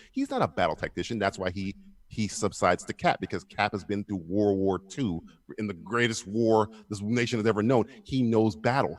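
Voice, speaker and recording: A man's voice: lowish voice, no echo. Co-host, male, heated and profane, acts out quotes mid-rant. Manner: animated, swears a lot, acts out quotes. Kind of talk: heated casual debate. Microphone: video call.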